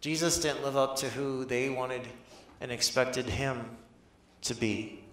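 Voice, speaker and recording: A pastor delivers a conversational, animated sermon in a church and keeps asking his listeners questions. His voice is bright and forceful. The sound rings around a roomy hall. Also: mid-range voice, slow.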